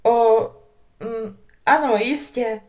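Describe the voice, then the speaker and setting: A woman voicing a fierce, indignant teenage witch girl who talks loud and heated. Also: a little high, pitched above the performer's own voice, close to an everyday voice. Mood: flustered.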